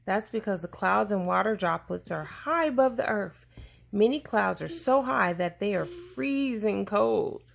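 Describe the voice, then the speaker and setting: Pausing to answer a child's questions, a woman reads aloud from a children's science book in a deliberate, explaining manner. She has an expressive, creaky, mid-range voice.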